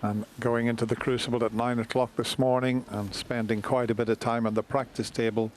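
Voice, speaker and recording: A man giving measured, unhurried live snooker commentary as the commentator. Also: mid-range voice, level tone. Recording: light noise and crowd in arena. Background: snooker hall crowd and ambience.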